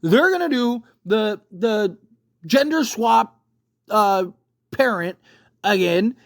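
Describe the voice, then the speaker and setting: This film commentator on YouTube speaks slowly and expressively in a mid-range voice, ranting casually to camera with strong opinions. He keeps things conversational and emphatic, often tossing in rhetorical questions, and the dry recording has no echo.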